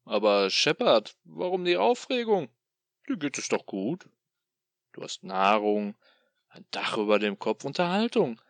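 A man voicing a sadistic, mocking male machine demon in an audio drama, taunting in a drawn-out, sing-song way. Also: mid-range voice, sing-song, no room sound, pitched above the performer's own voice.

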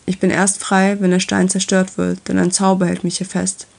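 A woman voicing a calm, patient enchanted lizard in a storybook reading, speaking softly and matter-of-factly. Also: medium pitch, normal speed, creaky. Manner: soft, gentle and matter-of-fact.

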